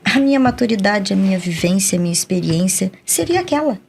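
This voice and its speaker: A woman's voice: a little fast, creaky, a little hiss or hum. A middle-aged woman, a psychologist, speaking emphatically as a guest on a podcast interview. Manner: emphatic, animated storytelling with wide pitch swings.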